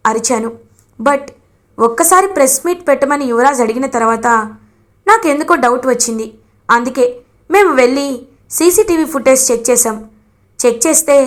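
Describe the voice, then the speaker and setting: A woman voicing a kind young woman who calmly reassures her family. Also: sits high, lightly acted. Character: kind young woman, calm sister-in-law.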